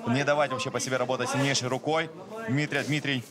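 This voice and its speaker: A man's voice: mid-range voice, steady tone, fast. A man giving live fight commentary in a conversational, reactive way. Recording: live event, clear crowd noise.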